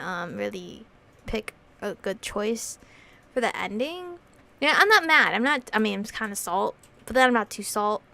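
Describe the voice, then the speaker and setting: Reading a visual novel's story text aloud, a woman reacts in slangy, profane commentary during a casual playthrough. She has a slightly high voice with a sharp tone, and music plays in the background.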